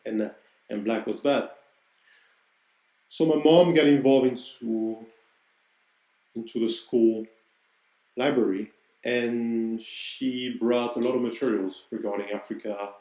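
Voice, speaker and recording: A man's voice: lowish voice, dark tone, reverberant, low-quality recording. A man with a French accent, hosting a podcast and telling a personal story in an earnest, reflective way. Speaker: podcast host.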